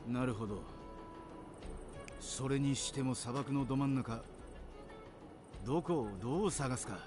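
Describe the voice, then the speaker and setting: A man voicing a rough-talking adult male adventurer in an anime game, with gruff, blunt speech. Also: medium pitch, fairly quick, over music, close to an everyday voice. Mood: musing.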